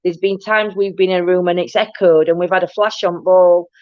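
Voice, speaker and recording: A paranormal chat show host chats casually on a live stream, reading viewer comments in a loud, booming voice. She rambles, restarts often and keeps saying "do you know what I mean," with fairly even intonation and a fairly quick pace, all captured in dull, dry, low-fi stream audio.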